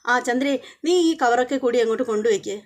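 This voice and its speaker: A woman's voice: fairly high pitch, steady tone, fast talker, lightly acted. A woman voicing a bossy middle-aged husband who calls out and gives orders. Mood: commanding. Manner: calling out, commanding.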